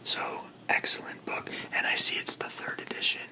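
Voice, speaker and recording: A person in a whispered role-play as a librarian, speaking in a soft, breathy library whisper with polite, reassuring customer-service phrasing. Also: moderate pace, rough recording. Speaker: book club librarian helping a customer, role-played.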